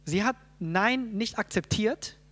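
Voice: medium pitch, slow, a bit bright. A Bible teacher explaining scripture to a group, often checking in with "ja?" and thinking aloud with fillers and restarts. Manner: checks in with listeners, frequent "ja?".

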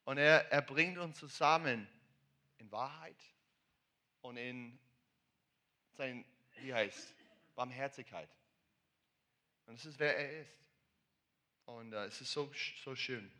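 A male pastor preaching with enthusiasm and telling a joke. He talks haltingly, searching for words and sometimes slipping into English. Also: mid-range voice, pushed and bright. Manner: enthusiastic, fervent. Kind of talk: sermon with a joke. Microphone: handheld or stand microphone.

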